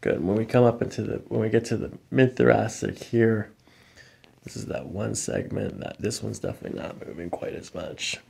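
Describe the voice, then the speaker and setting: A chiropractor in his thirties walks a patient through an exam in a small office, narrating his findings in a reassuring, matter-of-fact way. His voice is lowish, gravelly and a bit dark, and he speaks at a moderate pace.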